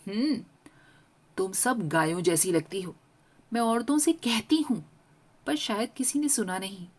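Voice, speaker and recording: A woman narrating a story in first person as a young girl, with an expressive reading. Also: mid-range voice, measured pace.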